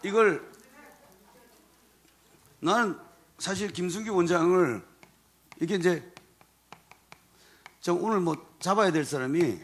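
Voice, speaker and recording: A man, a lawyer, addressing a church rally audience in an animated, rambling storytelling manner, often chuckling as he speaks. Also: sits high, slow pace, long pauses, slight background noise. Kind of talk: animated storytelling speech to a crowd.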